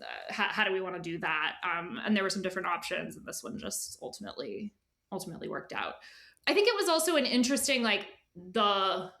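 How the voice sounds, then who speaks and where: Very animated and quick, an editor guesting on a casual interview talks in a medium-pitched, sharp-toned voice. Her style is informal, full of side remarks and imagined quotations.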